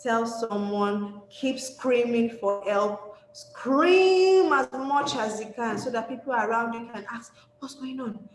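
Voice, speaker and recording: A woman's voice: a little high, slow, hardly any pauses. Encouraging woman teaching children. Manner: animated, encouraging, repeats with "okay?". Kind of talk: children's safety webinar. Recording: echoey room, faint background noise.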